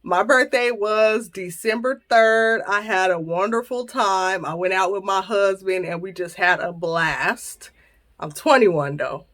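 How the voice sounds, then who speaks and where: A woman's voice: mid-range voice, a little slow. Chatty thirty-something woman vlogger. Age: 30s. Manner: lively, chatty, playful storytelling. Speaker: channel host. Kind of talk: casual chat to viewers.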